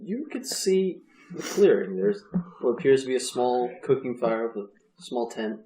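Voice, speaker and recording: A man running a tabletop game, describing what the players see in an unhurried way with small pauses. His voice is mellow and lively in pitch. The recording has a roomy echo. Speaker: game master.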